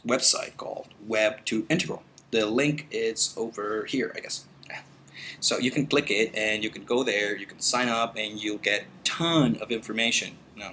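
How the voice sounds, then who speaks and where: Rambling low-voiced man from El Salvador. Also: a bit bright, slight background noise, rough recording. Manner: rambling, hesitant, many fillers and restarts. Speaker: meditation vlogger. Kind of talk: casual spoken vlog. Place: meditation center indoors. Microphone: talking into a computer.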